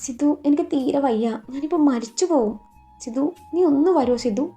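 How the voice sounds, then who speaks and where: A tearful young woman in a storybook romance, begging in a weepy, breathy voice, as a woman narrator puts her on. The voice is soft and mellow, and quiet music plays underneath. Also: high-pitched, a little fast.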